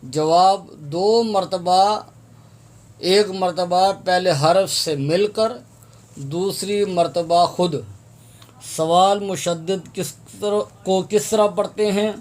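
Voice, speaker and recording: High-voiced man teaching slow syllable drills. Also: steady tone, darkish tone. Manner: drills in question and answer, repeating syllables slowly. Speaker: Quran reading teacher. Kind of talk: slow step-by-step recitation lesson.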